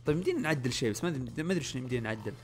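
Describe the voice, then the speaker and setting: A young man giving casual let's-play commentary, muttering to himself and yelling when things go wrong. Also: medium pitch, lively intonation, very fast. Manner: chatty, often muttering under his breath, bursts of panicked yelling. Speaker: gaming channel host.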